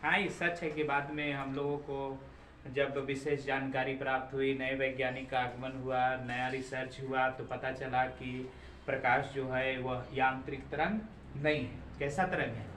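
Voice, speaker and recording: A man's voice: mid-range voice, flat delivery, moderate pace, fairly bright tone, a little hiss or hum. A man teaching physics in a classroom lecture, often asking the class questions and repeating their answers. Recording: roomy classroom, from far off.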